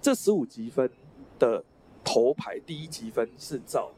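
A man's voice: sing-song, unhurried, warm tone. A man with a Taiwanese Mandarin accent explains things in a casual educational discussion, emphatic and repeating himself to drive points home. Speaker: podcast co-host explaining exams. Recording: noisy with low rumble.

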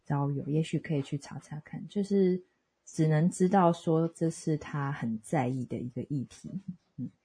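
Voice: mid-range voice, moderate pace, dark tone, slightly rough. A podcast co-host in a casual, reflective discussion over a phone call, often retelling things with quoted dialogue. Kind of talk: casual conversational discussion of a comic.

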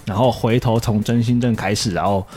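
A man's voice: fairly low pitch, steady tone, brisk, a little mellow. A man with a Taiwanese Mandarin accent, explaining things in a casual chat. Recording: background music behind the voice.

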